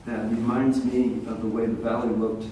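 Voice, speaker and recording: A soft-spoken older man, a resident, gives public comment at a community meeting in a large, echoey room. His mid-range voice stays level as he rambles with pauses, and the distant mic picks up echo and a faint hiss.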